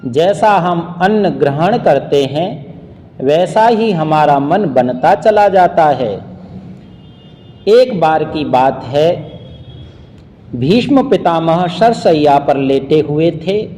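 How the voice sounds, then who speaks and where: Slow, mellow male preacher. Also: on the high side, animated. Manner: slow, measured, recitative moral teaching. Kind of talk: sermon storytelling. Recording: long hall reverb.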